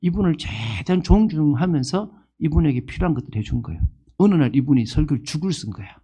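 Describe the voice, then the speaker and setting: A man's voice: fairly high pitch, expressive, fast, warm tone, husky. A man in his fifties preaching a sermon as pastor, asking the congregation questions and acting out the people he quotes. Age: 50s.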